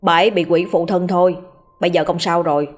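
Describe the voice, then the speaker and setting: Brief: woman doing brisk dismissive exorcist, low husky voice. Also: steady tone, close to an everyday voice. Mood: curt. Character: calm curt young male exorcist.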